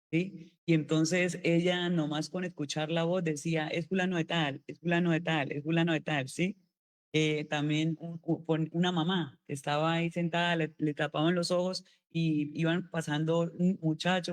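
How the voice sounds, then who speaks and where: A middle-aged woman preaching a sermon to her congregation. She talks in a relaxed, conversational way, asks one rhetorical question after another and keeps checking in with a quick tag question. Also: sits low.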